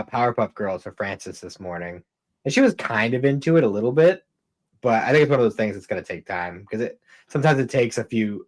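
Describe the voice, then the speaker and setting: Rambling, swearing man on a podcast. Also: fairly low pitch. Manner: rambling, swears often, many fillers. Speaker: podcast co-host. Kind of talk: casual chat.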